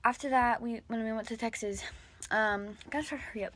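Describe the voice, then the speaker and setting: A young woman vlogger telling an emotional story, rambling and halting with many fillers and restarts, sometimes dropping to a hush. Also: fairly high pitch, a little hiss or hum. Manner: drops to a hushed whisper at sad moments.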